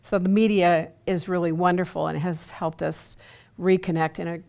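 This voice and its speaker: A woman's voice: on the low side, fairly even intonation, moderate pace, gravelly, darkish tone. A woman appearing as a studio guest on a local TV interview, speaking enthusiastically with lots of fillers. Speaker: committee chair, studio guest.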